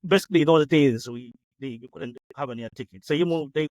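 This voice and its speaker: Man, late 40s, from Uganda, interview guest, rapid speech, hesitant with fillers, dry close sound. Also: on the high side, darkish tone, dry recording, low-quality recording. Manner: hesitant, many fillers and restarts. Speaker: guest entrepreneur. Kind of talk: conversational interview.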